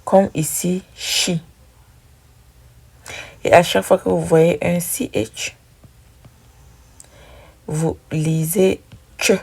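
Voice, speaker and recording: Slow, gravelly-voiced woman teaching pronunciation. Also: lowish voice, steady tone, darkish tone. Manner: slow, patient, repeating sounds for drilling. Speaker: English teacher. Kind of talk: pronunciation lesson.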